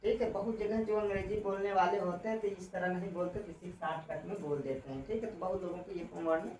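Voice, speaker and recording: A woman English teacher giving a classroom lesson on contractions, spelling out letters slowly and repeating herself. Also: on the low side, mellow, far from the mic. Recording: echoey room, voice from off-mic, faint noise.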